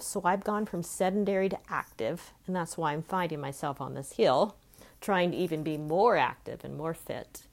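Low-voiced woman in her fifties. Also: gravelly. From California. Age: 50s. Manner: earnest and conversational, thinking aloud. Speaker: self-help vlogger. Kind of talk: reflective personal monologue.

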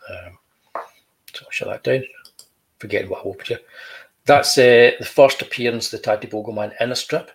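A man's voice: mid-range voice, a little fast, long pauses, poor audio. A man, a comic book creator talking casually and showing his artwork, chatty with dry humor.

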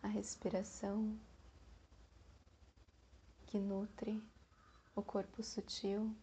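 Brazilian lady doing guided meditation, super slow soothing breathy voice, mellow tone, some background noise. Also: mid-range voice, completely flat delivery.

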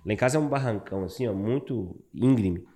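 A Brazilian man in his thirties, a barber, telling his story as a guest in a casual interview, animated and calling the listener "cara". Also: lowish voice, a little fast. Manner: animated, fills talk with "cara".

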